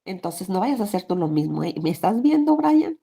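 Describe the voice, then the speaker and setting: A woman's voice: mid-range voice, sing-song, fairly quick, vocal fry, dark tone. A woman reenacting the pleading words of her dying older husband in an interview.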